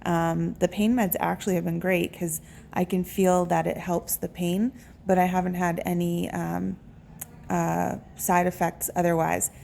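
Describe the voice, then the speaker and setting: Woman, mellow creaky voice, halting delivery, casual vlog update, faint background noise. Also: fairly low pitch, flat delivery. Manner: halting, pauses to search for words. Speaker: patient recording a recovery vlog. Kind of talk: casual update talk to camera.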